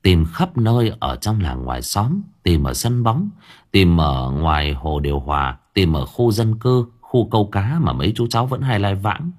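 A man narrating an audiobook story in a lively, expressive way. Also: low voice, normal speed.

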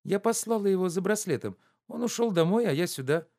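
A man's voice: medium pitch, normal speed, voice pushed up, natural voice. A man reading aloud and voicing a carefree, teasing young woman in an audiobook. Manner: lively, teasing, coaxing.

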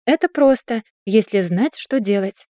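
A woman reading a storybook voices a confident male technician who speaks briskly and matter-of-factly. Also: mid-range voice, lively intonation, warm tone, dry recording, clean studio sound, natural voice.

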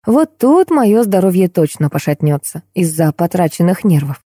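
A woman narrating an audiobook in an even, wry storytelling manner, recorded close and dry. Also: lowish voice, moderate pace, no echo. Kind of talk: scripted narration.

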